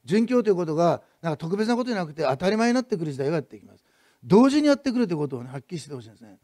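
A man preaching a sermon as pastor, building to loud emphatic repetition and then dropping to soft asides. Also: sits high, very animated, rapid-fire, no echo, clean studio sound.

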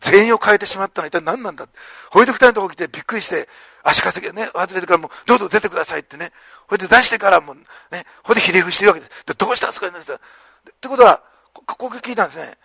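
A male pastor preaching a sermon with animated storytelling, acting out the lines of the people in the story. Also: high voice, very fast, vocal fry, dry recording.

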